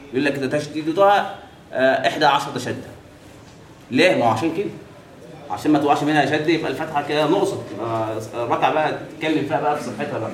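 A man with an Egyptian accent teaches recitation, pitched a little high, stretching out example words and firing questions back at his students. He is picked up from some distance in a reverberant room. A faint hiss runs underneath. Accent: Egyptian Arabic. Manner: quizzes the class with repeated questions and drawn-out recited examples. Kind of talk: classroom tajweed lesson.

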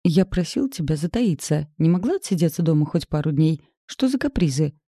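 A domineering young man growls and teases through his lines in an audiobook story, read by a woman. His voice is rough and dark-toned. The recording is close and dry. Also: low voice, expressive, brisk, no echo, full character voice. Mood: angry.

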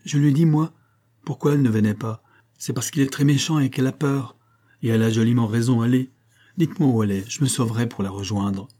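A man's voice: fairly quick, natural voice. Earnest lonely little boy, as a man puts him on. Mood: pleading. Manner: raised childlike pitch, pleading and lively.

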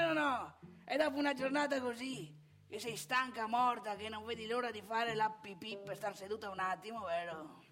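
Speaking at medium pitch in a sharp but natural voice, a woman takes on the role of a grumpy, opinionated old husband with a northeastern Italian accent. This comic stage monologue has her lecturing and grumbling as she scolds through one rhetorical question after another.

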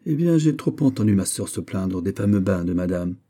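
Brief: man reading as a sulky jealous young prince, whiny and shrill when pushed, storybook, dark husky voice. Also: animated, fairly quick. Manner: whining, sulky, rising to shrill outbursts.

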